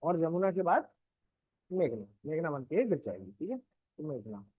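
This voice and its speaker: A man's voice: on the high side, sing-song, normal speed, breathy edge, no room sound. A male teacher with a Hindi accent giving a classroom geography lecture, explaining step by step, checking in with his students and asking them questions. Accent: Indian Hindi. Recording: dry, dull lo-fi classroom recording.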